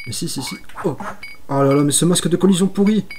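This man plays retro games on stream and narrates as he goes, quick and excitable, yelping at his mistakes and poking fun at himself. His voice sits on the high side, and a faint hiss or hum runs underneath.

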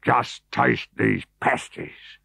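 A man reading a storybook, voicing a greedy, scheming middle-aged Roman boss in a raised, oily, drawn-out voice. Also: mid-range voice, gravelly, fairly bright tone, dry recording, voice pushed up, full character voice. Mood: boastful. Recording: dull, dry recording.

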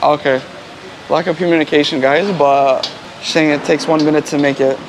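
Standing on a busy, traffic-filled city street, an American travel vlogger walks viewers through local food and vocabulary. His pitch is fairly high, his tone steady, and his pace moderate, with street noise audible throughout.

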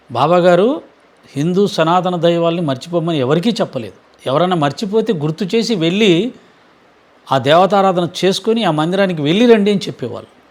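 A man giving an earnest devotional talk in a measured, preaching cadence with frequent pauses. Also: on the high side. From Andhra Pradesh. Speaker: Sai devotee speaker.

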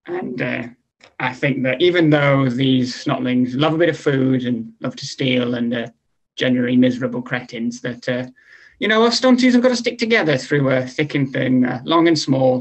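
A man voicing a cheeky manager of a team of little greenskins, dropping deadpan innuendo. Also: mid-range voice, normal speed, natural voice. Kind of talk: comedic voice acting.

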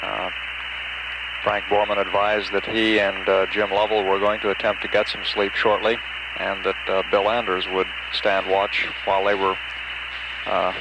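A low-pitched American man reads a spaceflight status report as a mission control announcer. He is measured and halting, with very little melody. The archive radio audio is buried in heavy noise. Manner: halting, measured official delivery.

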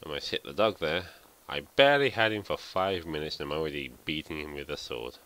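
A man's voice: rumbling low, brisk, fairly bright tone. A man giving casual, rambling gameplay commentary as a let's play host, thinking aloud and poking fun at himself.

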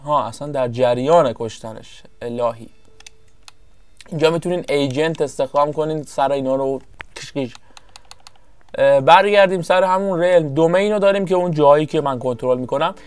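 A man giving casual, rambling commentary over his own strategy game session, often pausing to search for the right word. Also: fairly high pitch, darkish tone, clean tone. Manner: chatty, rambling, searches for words. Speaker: gameplay commentator.

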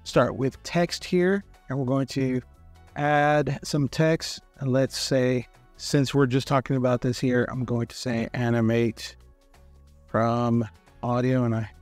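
A man talking through a software tutorial at an easy, steady pace. His voice sits in a middle pitch and is recorded dry and close. He explains each click in a friendly, matter-of-fact way. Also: takes it slowly, no room sound, soft background music. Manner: relaxed, step-by-step, friendly explaining.

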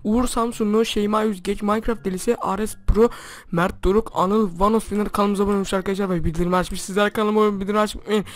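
A man playing Minecraft for his channel, chattering to his viewers in a hushed voice because it is late at night. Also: high voice, steady tone, racing, no room sound. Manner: chatty, constantly addressing viewers. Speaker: gaming YouTuber. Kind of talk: Minecraft let's play with role-play.

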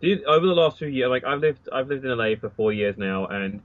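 A man's voice: mid-range voice, lively intonation, brisk, no room sound. A man co-hosting a casual podcast, hesitant and full of ums and likes. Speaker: podcast co-host. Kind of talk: casual chat. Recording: dry, dull lo-fi audio.

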